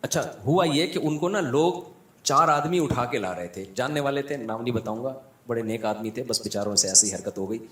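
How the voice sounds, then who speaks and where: A man's voice: medium pitch, normal speed. Echoey Pakistani man telling funny anecdotes. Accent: Pakistani Urdu. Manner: lively, acts out the people in his anecdotes. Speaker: religious scholar. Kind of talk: humorous storytelling talk.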